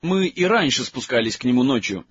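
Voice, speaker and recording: A man voicing an earnest, quiet teenage boy in an audiobook. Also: medium pitch, lively intonation, fairly quick, a little hiss or hum, pitched above the performer's own voice, natural voice. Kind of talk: audiobook character reading. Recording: slightly dull, dry recording.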